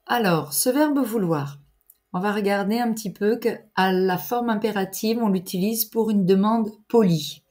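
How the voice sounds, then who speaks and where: A woman teaching grammar in a clear, deliberate lesson voice, pausing for exercises. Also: mid-range voice, darkish tone. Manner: deliberate, articulated teacher's delivery with pauses for exercises. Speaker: French teacher.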